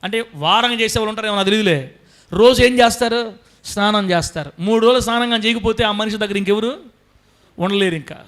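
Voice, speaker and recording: Male pastor, Telugu accent, high pitch, fervent sermon that calls on the congregation. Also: fast talker, a bit bright. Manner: preaching with rising intensity, calling on the congregation. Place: church service.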